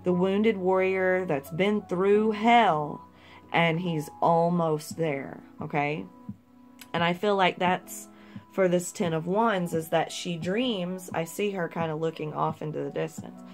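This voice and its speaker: Young woman chatting through a tarot spread, swears a bit, lowish voice. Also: takes it slowly, faint music behind. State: hiccups. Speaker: tarot reader. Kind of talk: casual tarot reading.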